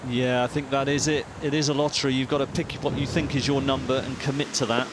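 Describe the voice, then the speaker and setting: A man giving golf commentary as an expert former player, measured and sympathetic as he analyses each shot. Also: medium pitch, level tone, noisy background.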